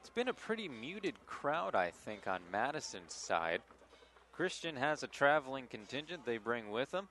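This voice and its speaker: A man giving measured, analytical color commentary at a high school football game. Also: sing-song, a bit bright. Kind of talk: sports color commentary and promo reads.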